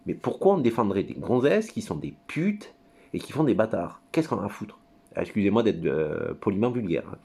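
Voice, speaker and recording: A man with a very low voice talks on his own in front of his computer. His monologue is rambling and crude. He hesitates often, stumbles over fillers and wanders off into tangents. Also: sing-song, moderate pace, creaky, mellow, breathy edge. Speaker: commentator.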